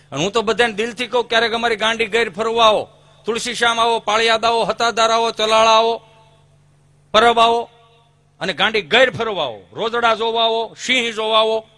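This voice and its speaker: A comedian with a Kathiawadi Gujarati accent tells folk stories on stage in a high voice, lively and acting out the voices of the characters in his tales.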